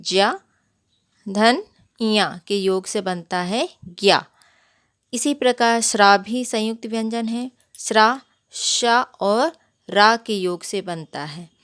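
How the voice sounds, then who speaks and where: A woman's voice: medium pitch, smooth. A woman teaching a grammar lesson to young pupils, explaining step by step and often checking with questions. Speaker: primary school teacher. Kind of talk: Hindi grammar lesson for children.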